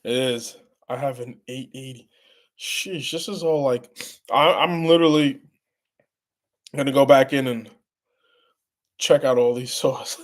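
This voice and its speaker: A man hosts a casual live stream with a congested, stuffy voice at an ordinary middle pitch. He rambles in halting bursts and often trips over his own words before starting the sentence again. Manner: rambling, halting, many restarts. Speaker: channel host answering live chat.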